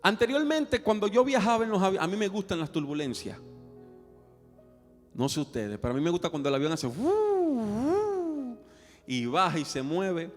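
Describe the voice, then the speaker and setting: A man's voice: sits high, fairly quick. A man preaching a sermon as pastor, telling stories and questioning the congregation. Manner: animated storytelling, questioning the congregation. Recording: reverberant hall with faint music.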